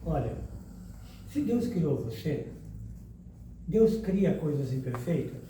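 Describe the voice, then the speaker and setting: A man's voice: fairly high pitch, slow, far from the mic. Man lecturing in an echoey hall. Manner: lively, questions the audience and jokes. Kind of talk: spiritual lecture with audience questions. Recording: echoey room, speaker away from the mic, noise behind.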